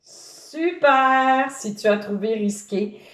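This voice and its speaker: A woman reading a children's picture book aloud, pausing to ask her young listeners questions. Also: high voice. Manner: slow, animated, quizzes young listeners. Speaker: storyteller for children. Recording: roomy, distant from the mic.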